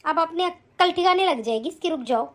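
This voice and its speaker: A woman voicing an older mother-in-law in an animated story, whiny and scolding. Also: very high-pitched, brisk. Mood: stern. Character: older mother-in-law, tearful then stern.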